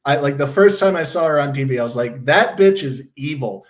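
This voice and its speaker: Animated and fairly quick, a young man chats on his livestream, jumping from one point to the next with blunt remarks and casual swearing. A sore throat has left his ordinary middle-pitched voice hoarse and going.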